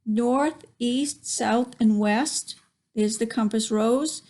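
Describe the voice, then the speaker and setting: A fairly high-pitched woman with a darkish tone reads slowly during library storytime. She performs the children's story expressively, sprinkling in chatty comments to the little listeners about what's on each page.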